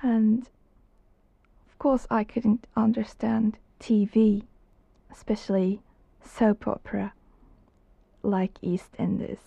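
A woman from Japan with a Japanese accent, telling her story in a halting, breathy way. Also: mid-range voice, level tone, mellow, dry recording. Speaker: interviewee. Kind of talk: personal account. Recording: slightly dull lo-fi recording.

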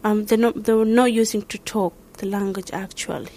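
Somali accent woman, stops and searches for words, mid pitch, interview answers. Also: fairly even intonation, moderate pace, dark tone. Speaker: learner interviewee.

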